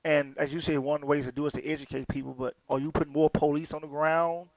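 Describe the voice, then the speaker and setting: A man's voice: on the high side, flat delivery, fast, gravelly, no room sound, low-quality recording. A man hosting and joking around, often restarting his sentences. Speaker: host. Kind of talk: casual chat.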